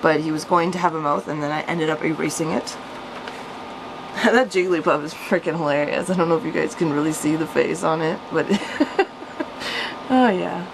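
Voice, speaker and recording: Her deep, gravelly voice moves at normal speed against a noisy background as this storyteller and vlogger reads her childhood story. She's self-mocking and chuckly, tossing in casual, amused commentary, and gets animated during the reading.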